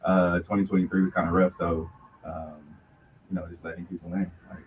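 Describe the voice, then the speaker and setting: A man's voice: low voice, flat delivery, brisk. A man hosting a sports and pop culture show in a casual, informal way, often repeating his phrases. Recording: muffled, slightly distant, faint noise.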